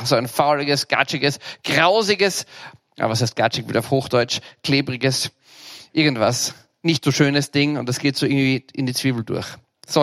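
A middle-aged man with an Austrian German accent gives a lively sermon. His voice sits somewhat high and sounds close and dry, with hardly any room in it. He jokes and speaks directly to the congregation. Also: no echo. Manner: playful, joking, addresses listeners directly. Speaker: preacher.

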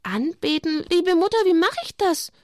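A woman's voice: very high-pitched, normal speed, no room sound, clean studio sound, voice pushed up. A woman reading the part of an eager little shepherd girl in a children's storybook. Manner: excited, pleading storybook reading.

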